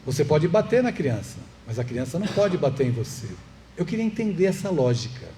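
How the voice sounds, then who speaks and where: A man's voice: fairly high pitch, sing-song, fairly quick, dark tone, slight background noise. A man with a Brazilian Portuguese accent giving a public lecture at a spiritist center. He speaks conversationally, asks the audience rhetorical questions and adds light jokes. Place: meeting hall of a spiritist center.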